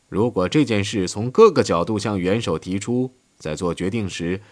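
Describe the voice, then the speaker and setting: A man reading a history audiobook in a steady scripted narration, lifting his voice for quoted speech. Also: sits low.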